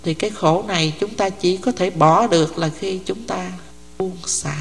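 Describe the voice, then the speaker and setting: A woman's voice: lowish voice, moderate pace, creaky, faint music behind. An older woman, a Buddhist nun, gives a dharma talk in a conversational way and often checks that her listeners follow. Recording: long hall reverb.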